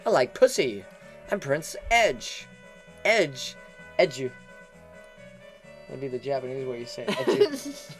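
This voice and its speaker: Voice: mid-range voice, sing-song, normal speed. A let's play commentator in casual game commentary, crude and jokey, swearing often. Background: faint game music.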